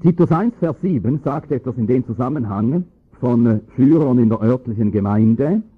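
A man preaching a sermon, explaining scripture with emphatic, rising stress on key points and a husky voice. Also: mid-range voice, expressive, moderate pace. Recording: tinny phone-like lo-fi recording.

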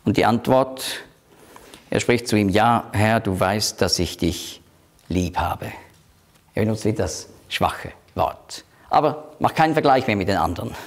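A man leading a Bible study, explaining scripture slowly and quoting verses aloud. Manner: slow, explanatory, quotes scripture in a lowered voice; switches between teaching and group discussion. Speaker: Bible teacher.

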